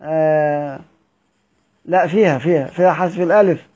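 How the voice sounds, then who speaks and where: A teacher of Quran orthography with an Egyptian accent reads a classical text aloud in formal Arabic, then explains it in everyday speech and puts questions to his students. His voice is a little high and darkish, at normal speed, and the audio sounds dull.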